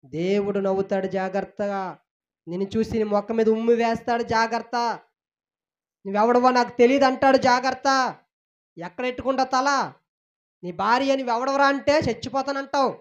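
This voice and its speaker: A woman's voice: a little high, fairly even intonation, normal speed. Fervent preacher woman, dull lo-fi sound. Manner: emphatic, repetitive, swings between loud rebuke and hushed pleading. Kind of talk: emotional sermon with scripture reading.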